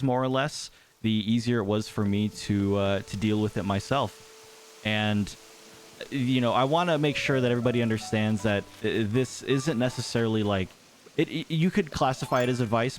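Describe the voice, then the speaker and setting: A man's voice: fairly low pitch, slight background noise. A young man giving thoughtful, rambling advice in a casual talk over gameplay, with many fillers and restarts. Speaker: gaming YouTuber.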